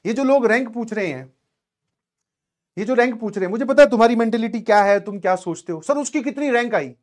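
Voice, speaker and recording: A young adult man with a high-sitting voice speaks fast as a teacher giving his students a motivational talk. His tone is conversational, and he often checks that they have understood.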